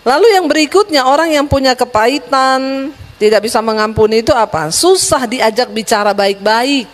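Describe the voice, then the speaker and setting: Lively woman pastor preaching in a hall. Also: on the high side, normal speed. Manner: lively, humorous preaching with sudden animated rises. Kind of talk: sermon.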